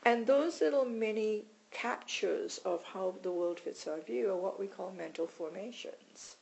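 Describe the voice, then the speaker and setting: A woman's voice: mid-range voice, unhurried, creaky, a little mellow, a little hiss or hum, rough recording. A woman teaching in an informal, conversational way, often repeating words and adding "right?". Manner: conversational, repeats words and adds tag questions. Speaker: meditation teacher.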